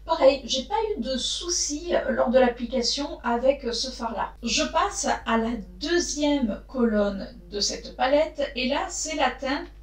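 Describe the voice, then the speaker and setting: A woman chatting casually to her viewers as she reviews makeup, often pausing to hesitate and talking straight to the camera. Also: high-pitched, reverberant. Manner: chatty, frequent hesitations, addresses viewers directly. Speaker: beauty vlogger.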